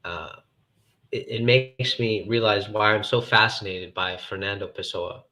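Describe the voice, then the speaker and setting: A man's voice: on the low side, a little slow, sharp tone. A man talking personally and reflectively in casual conversation, earnest and emphatic, often repeating phrases.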